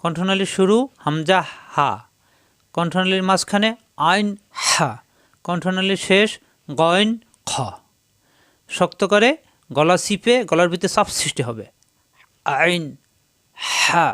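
Man teaching Arabic letter sounds slowly. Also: high voice, a bit bright, clean tone, no room sound, studio quality. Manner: slow, repetitive drilling of sounds, asks viewers to repeat. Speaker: Quran teacher. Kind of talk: step-by-step recitation lesson.

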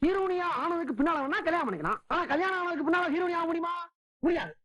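A pushy, smooth-talking film agent rattles off his pitch in a high, quick voice. The sound is dry and close, with no room around it. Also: dry recording, heavily acted. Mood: persuasive. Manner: fast, flattering sales talk. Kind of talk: 1990s Tamil film comedy acting.

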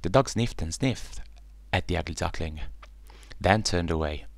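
Deep-voiced man reading a bedtime story. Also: normal speed, no echo.

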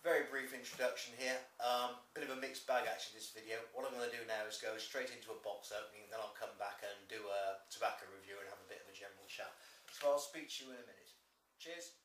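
A man's voice: fairly low pitch, fairly even intonation, fast, fairly bright tone, slight background noise. A man reviewing pipe tobacco in a rambling, chatty way with many restarts. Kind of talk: casual video chat. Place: room at home. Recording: echoey room, mic at a distance.

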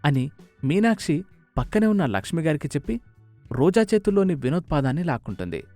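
A man narrating a scripted story, expressive and animated. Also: a little high, a little fast, no echo, faint music behind.

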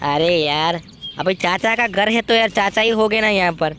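A man's voice: moderate pace, sharp tone. A man voicing a timid, easily frightened young man with a shaky voice, as gaming commentary in character. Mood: scared. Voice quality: high, shaky voice. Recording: noisy background.

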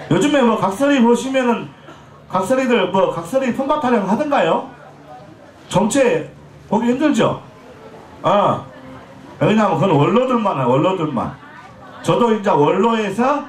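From Jeolla, Korea, a high-voiced man in his forties performs pumba on an outdoor festival stage, chatting, joking and teasing the audience. His throat sounds a bit scratchy, and the festival PA adds echo.

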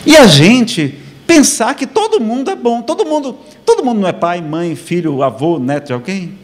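A man's voice: sits high, normal speed. A man with a Brazilian accent giving a spiritual lecture to a live audience, conversational and humorous, constantly tagging his sentences with rhetorical questions. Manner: rhetorical questions, frequent "não é?" tags; lively, conversational preaching with humor. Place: lecture hall before an audience.

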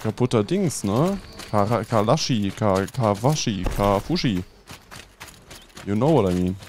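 Lively low-voiced man commentating gameplay. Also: measured pace, a little hiss or hum. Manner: excitable, drops English gamer slang. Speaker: let's play host.

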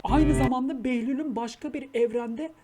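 A woman's voice: high-pitched, normal speed, loud music behind the voice. A woman streamer in casual reaction commentary, exasperated, scolding the characters on screen, swearing and muttering prayers. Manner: swears and mutters prayers while she talks.

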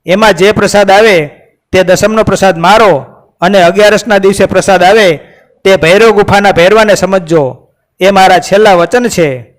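A man narrating a devotional story in measured, unhurried telling, voicing the dialogue within it. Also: sits high.

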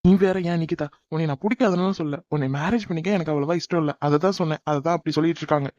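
Man playing a flustered young cartoon guy, high voice, rushed explaining, muffled dry sound. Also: a little mellow, no room sound, close to an everyday voice. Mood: defensive. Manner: defensive, explaining hurriedly. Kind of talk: animated cartoon dub.

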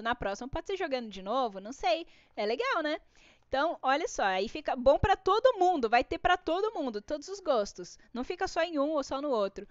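A woman's voice: sits high, dry recording. A Brazilian woman with a Brazilian Portuguese accent hosting a craft live stream, chatty and bubbly, greeting viewers by name. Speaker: art class host. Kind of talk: casual live-stream chat. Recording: dull dry lo-fi stream audio.

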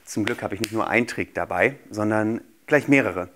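With slight background noise, a man in his thirties talks at a moderate pace in a lowish, fairly bright voice. He's a guest magician on a small, furnished indoor TV studio set, casually and playfully showing kids his tricks.

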